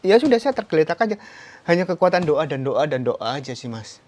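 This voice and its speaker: Guy retelling his story in an interview, kinda high voice, jumps way up when he acts stuff out, keeps saying mas. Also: a little fast. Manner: animated, acts out his own past words with sudden high exclamations; tags sentences with "Mas". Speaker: interview guest, stroke survivor.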